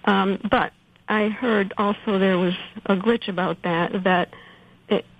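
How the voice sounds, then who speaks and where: A woman's voice: medium pitch, fairly even intonation, measured pace, no room sound, phone-quality sound. Hesitant woman calling in to a radio show. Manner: hesitant, many fillers, nervous. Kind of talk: casual call-in question.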